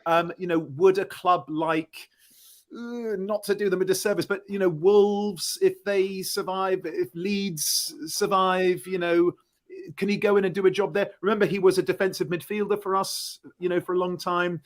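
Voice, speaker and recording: A man's voice: sits high, fairly even intonation, normal speed. A man in a casual football discussion, talking as a fan panellist, emphatic and thinking aloud with rhetorical questions.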